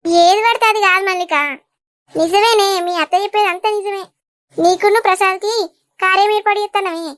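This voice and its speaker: A woman voicing an emotional older village mother in a cartoon, pleading dramatically in a high-pitched voice. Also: fairly even intonation, fairly quick, no room sound, studio quality. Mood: scheming. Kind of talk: Telugu cartoon dubbing.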